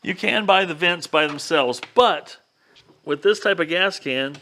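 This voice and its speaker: Guiding viewers step by step through a casual DIY demonstration, a folksy, plainspoken vlog host speaks a little high and a little slow, with a sharp tone.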